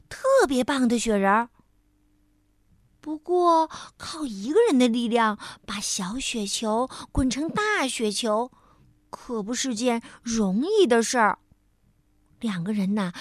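A woman storyteller slowly and expressively narrating a children's story on a close mic. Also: a little high, dry recording. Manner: slow, expressive, warm storyteller tone.

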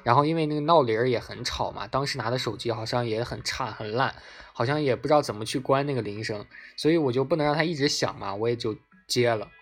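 A man telling a personal story in casual speech. He gets excited and repeats words for emphasis. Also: medium pitch, fast talker.

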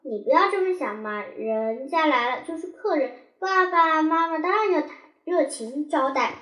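A woman voicing a kind little girlfriend who gently reassures her friend. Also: high-pitched, animated, moderate pace, pitched above the performer's own voice. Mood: reassuring. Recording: roomy echo.

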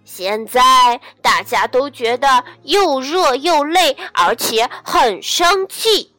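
A woman telling a bedtime story to children in a gentle, sing-song, soothing manner. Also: sits high, expressive, slow, no room sound. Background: soft background music.

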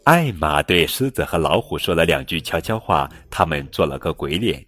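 A man reading a children's picture book aloud in a storytelling voice, with light music behind. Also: rumbling low. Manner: slow, lively storytelling. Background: light background music.

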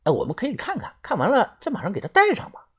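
A narrator voicing a nosy, jumpy young man in an audiobook, talking in a hushed, curious way. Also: extremely high pitch, wildly swooping pitch, fast talker, slightly rough, voice pushed up, exaggerated voice. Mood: coaxing. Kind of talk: audiobook character voice.

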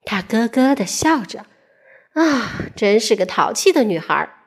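A mother reading a picture book aloud to children in an expressive, playful way. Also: fairly high pitch, measured pace, breathy edge. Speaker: mother storyteller.

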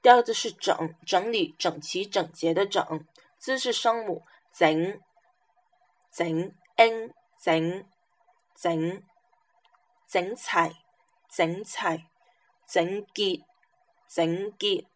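A woman's voice: fairly low pitch, slow pace, pauses often. A woman teaching a pronunciation lesson, repeating each syllable and example word several times. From southern China. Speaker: language teacher.

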